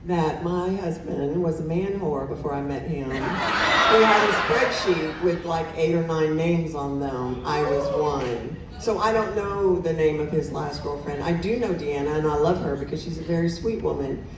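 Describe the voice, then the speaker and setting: A woman's voice: deep voice, normal speed, distant mic, background noise. A woman contestant talking unscripted on stage in a blunt, joking storytelling manner. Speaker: game show contestant, a wife. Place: large indoor show venue. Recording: echoey hall from afar, loud crowd.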